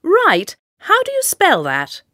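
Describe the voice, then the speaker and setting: A very high, polite receptionist. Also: female voice, wildly swooping pitch, takes it slowly, pushed and bright, no room sound, studio quality, full character voice. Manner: polite, questioning. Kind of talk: scripted language-course dialogue.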